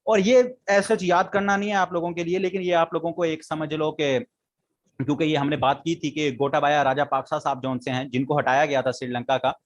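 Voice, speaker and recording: A man's voice: fairly high pitch, steady tone, brisk. A man with a Pakistani Urdu accent teaching a current affairs lesson for exam prep. He repeats key facts and quizzes his students as he goes.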